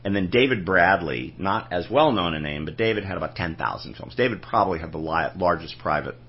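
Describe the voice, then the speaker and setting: Deep husky man telling stories. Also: animated, fairly quick, muffled recording. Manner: anecdotal, rambling, many restarts. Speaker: film collector guest. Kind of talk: casual interview storytelling.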